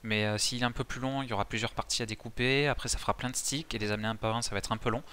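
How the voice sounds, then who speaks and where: A man's voice: mid-range voice, steady tone, racing, pushed and bright, slight background noise. A man casually explaining a survival game's crafting as he plays, talking in a chatty way with many fillers and restarts. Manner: chatty, many fillers and restarts, mixes English game terms. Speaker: gaming youtuber explaining a survival game. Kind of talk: casual game tutorial commentary.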